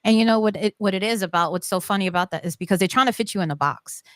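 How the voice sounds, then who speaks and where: A woman's voice: medium pitch, rapid-fire, dry recording. A woman hosting a conversational interview podcast, enthusiastic and affirming, often laughing as she talks. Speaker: podcast host.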